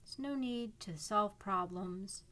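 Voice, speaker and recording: Slow, soothing woman guiding a meditation. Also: mid-range voice. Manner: calm, soothing, unhurried delivery with long pauses. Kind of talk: guided imagery meditation narration.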